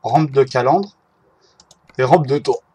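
A man's voice: mid-range voice, mellow, slight background noise. Hesitant man narrating his driving game. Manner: hesitant, halting, often restarts and apologizes; talks to viewers while driving in a game. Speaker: gameplay video maker. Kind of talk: casual gameplay commentary.

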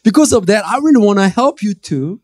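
A pastor in his thirties with a Korean accent preaches a sermon from a church stage in front of a screen, holding a handheld mic. His high voice is animated and fairly quick, he jokes at times, and he builds to emphatic calls. The recording is dry, with clean studio sound.

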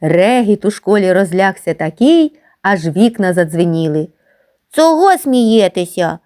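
A woman narrating a classic short story aloud with an expressive storytelling delivery. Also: lowish voice, moderate pace.

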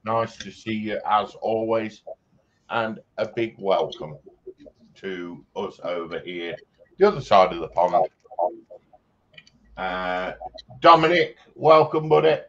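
A man's voice: on the low side, expressive, slow, long pauses. A man hosting a livestream, casually reading out viewer comments and joking with chat. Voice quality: chatty and jokey, laughs often. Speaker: livestream host. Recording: slightly dull sound with faint background noise.

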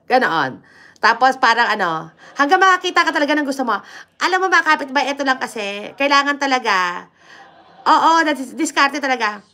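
A woman's voice: sits high, very animated, fairly quick, pushed and bright. A woman from the Philippines with a Filipino accent, chatting casually with viewers on a livestream, switching between Tagalog and English and laughing often. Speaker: livestream host.

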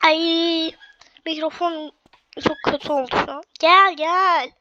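A woman's voice: extremely high pitch, flat delivery, a little slow, highs cut off, noisy background. A young woman hosting her own game video, chatting to viewers in a casual way while sick with a cough. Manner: chatty, addresses viewers directly. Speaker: gaming channel host.

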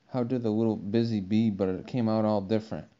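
A man's voice: fairly low pitch, steady tone, fairly quick, dark tone, close to an everyday voice. A man voicing a polite, curious young girl in an audiobook, speaking timidly and earnestly. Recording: dull lo-fi recording.

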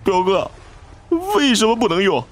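A man's voice: sits high, expressive, normal speed, voice pushed up. A man voicing a frightened young male cousin who stammers and pleads. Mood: pleading.

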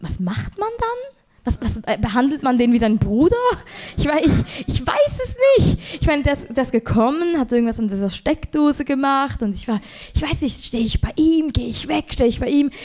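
A young woman performing a rambling, self-deprecating stand-up set on a comedy club stage. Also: a little mellow. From Switzerland. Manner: rambling, self-deprecating, quick jumps in pitch when exasperated.

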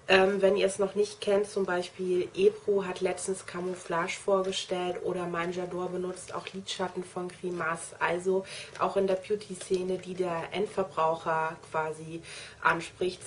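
A young woman, a make-up artist trainee, shows off her kit in a casual show-and-tell vlog, speaking enthusiastically and directly to her viewers. She has a lowish voice, with slight background noise.

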